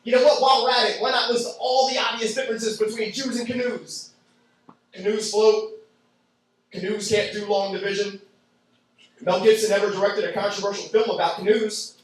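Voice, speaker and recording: A man's voice: sits high, fairly even intonation, moderate pace. A young man doing a stand-up comedy set in a club, telling crude, sarcastic stories. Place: club with audience. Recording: echoey room from far off.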